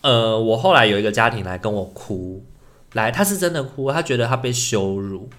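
A man, co-hosting a podcast and telling a story in casual chat, animated, acting out what other people said. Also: fairly low pitch, normal speed. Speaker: podcast co-host, social worker.

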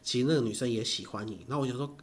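A man, telling stories in casual chat, animated and laughing often. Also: medium pitch, racing.

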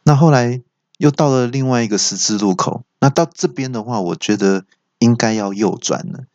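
Low-voiced man telling comic stories. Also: moderate pace, no echo. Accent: Taiwanese Mandarin. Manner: chatty, restarting storyteller with excited outbursts. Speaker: stand-up comedian. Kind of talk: comic storytelling monologue. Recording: slightly dull, dry recording.

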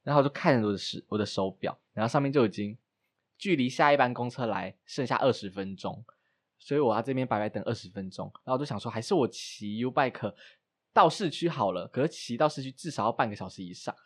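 A man co-hosting a casual podcast, telling a story and acting out his own thoughts in a raised voice. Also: fast. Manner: animated, acts out his own past thoughts in a high voice. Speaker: podcast co-host.

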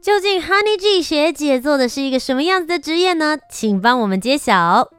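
语调活泼多变的女主持人. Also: female voice, high voice, animated, a little fast, fairly bright tone, soft background music. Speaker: host. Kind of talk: scripted-style show hosting and interviewing.

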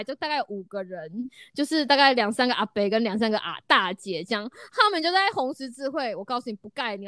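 Woman chatting, quick and animated, voice jumps around a lot, dry close sound. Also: sits high, dry recording. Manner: animated storytelling, drops English words into Mandarin. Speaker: storyteller in a chat. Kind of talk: casual chat.

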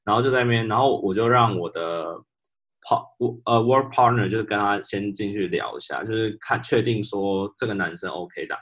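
A man with a somewhat low voice tells work stories in a relaxed podcast chat. He is animated and laughs often as he goes. He slips English words in mid-sentence. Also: moderate pace. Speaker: podcast co-host. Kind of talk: casual storytelling chat.

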